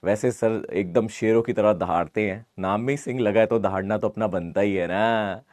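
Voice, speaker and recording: A man with a hoarse, sore voice, chatting casually as a live online physics teacher. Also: on the low side, moderate pace, a little mellow, no echo, studio quality. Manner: chatty, repeats greetings, mixes English into Hindi. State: hoarse, sore throat from fever. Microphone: close mic, amplified.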